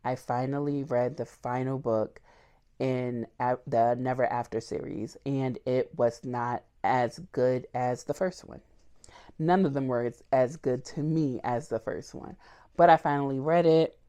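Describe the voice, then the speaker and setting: A woman's voice: extremely low pitch, measured pace, dark tone, smooth. A woman book vlogger chatting casually and candidly about what she read, with frequent ums. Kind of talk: casual book wrap-up chat.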